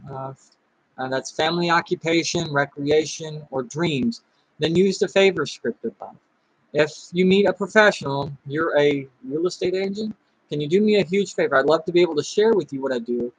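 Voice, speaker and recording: A man giving a recorded sales training talk while seated, with a halting, stop-start delivery full of restarts. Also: fairly high pitch, breathy edge, low-quality recording.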